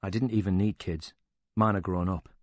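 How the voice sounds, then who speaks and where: A man voicing a bitter, quick-tempered older widower who talks with indignant sarcasm and swears freely. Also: low-pitched, fairly even intonation, no echo, close to an everyday voice.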